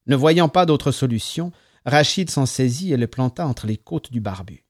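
A man reading a story aloud as narrator, calm between the voices. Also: mid-range voice, normal speed, no room sound, clean studio sound. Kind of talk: audiobook narration.

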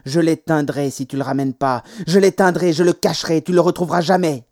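A man voicing an angry, jealous young boy who shouts and defies his mother in a storybook reading. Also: on the high side, fairly even intonation, fairly quick, lightly acted. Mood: defiant. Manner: shouting, petulant.

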